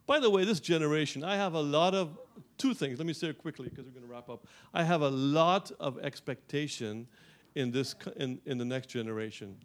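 Animated man preaching a sermon. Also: a little high, a little fast. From Guyana. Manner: animated preaching with repeated restarts and rising emphasis. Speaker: pastor.

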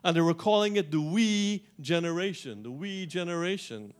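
With a slightly high voice and a moderate pace, a middle-aged pastor from Guyana preaches a sermon. He is animated, restarts frequently, and his emphasis mounts as he goes.

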